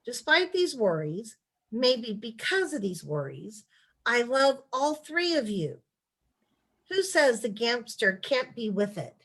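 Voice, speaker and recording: Slightly high-voiced woman reading letters aloud in a calm storytelling way, on a video call. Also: takes it slowly, husky. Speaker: author and former chief of staff.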